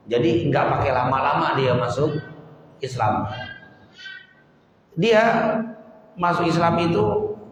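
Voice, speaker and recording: A man preaching a storytelling sermon, with lively retelling and Arabic phrases mixed into casual speech. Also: a little high, a little hiss or hum. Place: large mosque hall. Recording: very echoey hall, faint ambience.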